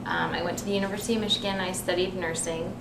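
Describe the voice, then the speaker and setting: A young woman talks about herself in a relaxed, chatty way, her voice sitting fairly low. She is recorded from a distance in an echoey room with clear background noise. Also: very fast. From United States. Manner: relaxed and chatty, many ums. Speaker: interviewee, nurse and figure athlete. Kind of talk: casual self-introduction. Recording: echoey room, mic from far off, noisy.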